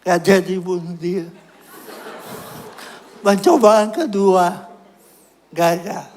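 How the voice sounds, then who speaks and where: A man delivers a personal testimony sermon at a slow, unhurried pace. He pokes fun at himself and laughs through his story, then turns earnest as he recounts his prayers. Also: sits high, steady tone, noisy background. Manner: self-mocking, laughs at his own story. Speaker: preacher giving testimony.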